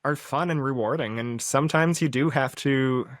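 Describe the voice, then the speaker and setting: A man's voice: medium pitch, moderate pace, no echo. Chatty male podcast host, dry sound. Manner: chatty, with frequent restarts. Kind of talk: casual conversation.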